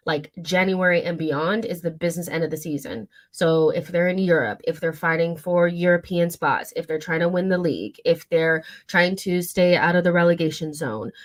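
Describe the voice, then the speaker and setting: A hoarse woman with a cold hosting a casual football chat stream, talking loosely with many fillers and asides. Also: fairly low pitch. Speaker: football channel host.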